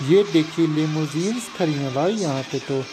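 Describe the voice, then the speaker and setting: A man's voice: on the high side, moderate pace, music in the background, rough recording. Casual slangy man narrating gameplay. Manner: casual, slangy, chuckling storyteller. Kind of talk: storytelling over game footage.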